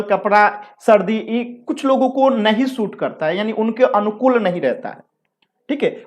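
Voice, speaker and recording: Chatty man teaching a live class. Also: high voice. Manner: chatty, repeats points, asks rhetorical questions to the class; banters with students between explanations. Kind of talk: live exam-prep lecture.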